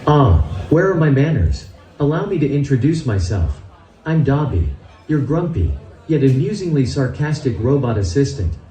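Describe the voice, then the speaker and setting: A man's voice: mid-range voice, sing-song, normal speed. Give me a grumpy, sarcastic robot assistant, a synthetic male voice. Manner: dry, sarcastic and mock-theatrical. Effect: synthetic text-to-speech voice. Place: large event hall. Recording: echoey hall through a loudspeaker.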